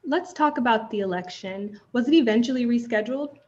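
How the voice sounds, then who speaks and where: A young woman advocate questions a witness in a measured, formal courtroom manner, her voice pitched a little high. The sound is a dull, lo-fi courtroom recording. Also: a little mellow. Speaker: trial advocate.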